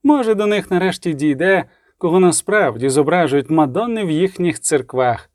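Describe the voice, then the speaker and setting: Man voicing a sharp indignant green witch. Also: a little high, expressive, moderate pace, dry recording, studio quality, voice pushed up, lightly acted. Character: green-skinned scornful witch woman.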